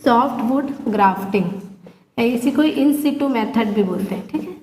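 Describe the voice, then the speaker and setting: A woman teaching a class, explaining step by step and checking often that her students follow, dictating some lines slowly. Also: a little high, lively intonation, darkish tone, echoey room, in a large hall, a little hiss or hum. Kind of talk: classroom lecture.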